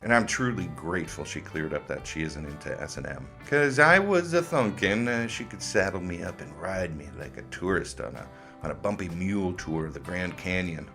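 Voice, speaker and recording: Deep-voiced, sarcastic man with a bright edge. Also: a little fast, gravelly, faint music behind. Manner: sarcastic, mocking. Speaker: host of a commentary video. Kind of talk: comic reaction commentary.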